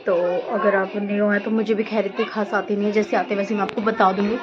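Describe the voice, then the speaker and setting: A woman's voice: mid-range voice, flat delivery, quick pace, lo-fi sound, music in the background. Chatty woman vlogging at home. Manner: chatty, rambling, self-deprecating. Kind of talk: casual home vlog with cooking.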